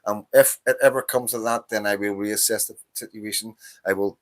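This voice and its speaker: In his fifties and from Northern Ireland, this man hosts a livestream with a lowish voice, fairly even intonation and normal speed. His casual political monologue turns into an impassioned rant, laced with swearing and repeated points.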